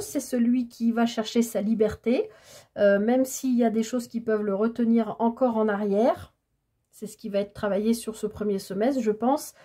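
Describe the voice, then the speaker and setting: A woman giving a tarot reading in a casual, hesitant way, stammering and filling pauses as she talks. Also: fairly high pitch, dark tone, husky. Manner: hesitant, stammering, many fillers. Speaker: tarot card reader.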